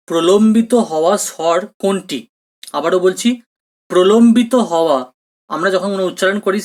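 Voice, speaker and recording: A teacher gives a recorded exam-prep grammar lesson, explaining patiently, repeating each question and often checking in with students. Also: mid-range voice. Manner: mixes English terms into speech.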